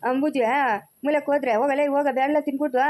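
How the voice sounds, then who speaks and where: A woman's voice: high-pitched, flat delivery, fast talker, warm tone, slight background noise, close to an everyday voice. Woman playing a pestering village girl. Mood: wheedling. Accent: Kannada, Chikkaballapur rural dialect. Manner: wheedling, tattling.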